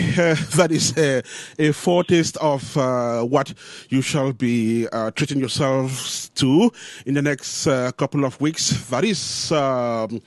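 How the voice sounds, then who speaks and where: A male radio host speaks into a studio microphone at a medium pitch. He is measured and leans on filler pauses, and the sound is dry and close. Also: dry recording. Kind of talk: radio interview.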